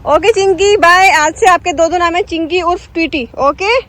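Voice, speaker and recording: A woman's voice: very high-pitched, moderate pace, a bit bright. A young woman vlogging casually outdoors on a city street, chatty and cooing to street dogs. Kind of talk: casual vlog chat.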